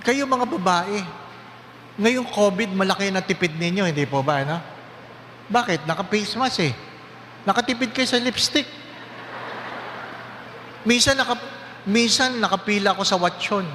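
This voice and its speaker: A man's voice: high-pitched, moderate pace, pauses often, pushed and bright, big-room sound, slight background noise. A priest preaching a sermon with humor, putting on the voices of people in his stories and asking the congregation questions. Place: church.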